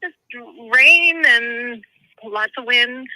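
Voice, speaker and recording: A woman calling in over a speakerphone to give a live report, talking in halting phrases that break off mid-sentence. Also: fairly high pitch, pushed and bright, no echo, rough recording. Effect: heard over a speakerphone call. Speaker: caller from a storm area.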